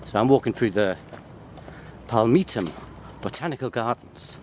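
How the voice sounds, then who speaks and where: An animated British man with a medium-pitched voice speaks at a moderate pace. He's a university lecturer filming a casual, unscripted walking video in botanical gardens, joking and getting sidetracked as he rambles. The handheld wide-angle sports camera picks up outdoor noise from his walk.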